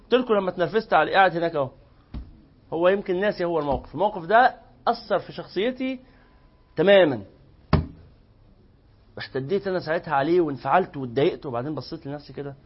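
A man's voice: a little high, dull audio, slight background noise. A man with an Egyptian accent teaching a religious lesson to a class, telling stories and acting out both sides of the dialogue. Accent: Egyptian Arabic. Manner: lively storytelling that acts out both sides of quoted dialogue. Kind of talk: lecture to a live class.

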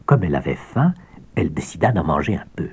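A man narrating a children's audiobook with expressive storytelling and soft asides. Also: deep voice, fast, a little hiss or hum.

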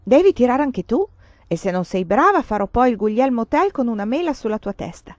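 Brief: woman reading a loud, brusque nobleman, impatient, dry lo-fi storybook read. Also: fairly high pitch, big pitch swings, a little fast, no echo, pitched above the performer's own voice. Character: bored, impatient nobleman husband who shouts.

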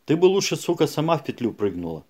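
A man's voice: on the high side, sing-song, fast, darkish tone, pitched above the performer's own voice. A man voicing a vicious woman threatening on an answering-machine tape in an audiobook. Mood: menacing.

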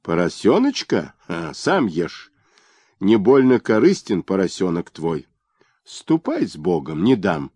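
A man voicing a fat, lazy, greedy provincial governor who talks in a gruff, bullying way. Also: deep voice, wildly swooping pitch, unhurried, a little mellow, no room sound, studio quality, full character voice. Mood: dismissive.

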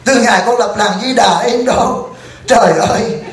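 A man's voice: sits high, normal speed. A man voicing the Buddha Amitabha as a weary old male deity who complains with exasperation in an echoey hall. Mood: lamenting. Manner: lamenting, exasperated, half-joking.

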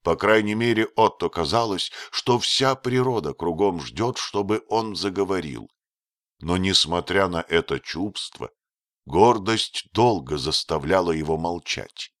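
A man narrating an audiobook in a steady storytelling manner, slowing on key words. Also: sits low, no echo, clean studio sound.

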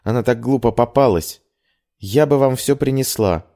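A man's voice: mid-range voice, normal speed, warm tone, pitched above the performer's own voice, close to an everyday voice. A man voicing a loyal young maid in an audiobook, chatty and indignant, addressing her mistress deferentially. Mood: reporting.

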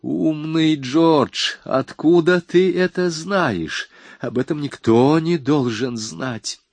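A man reading an audiobook voices a frightened, bitter young woman with a sharp, mocking tone. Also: medium pitch, animated, a little slow, slightly rough, no room sound. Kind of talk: audiobook dialogue.

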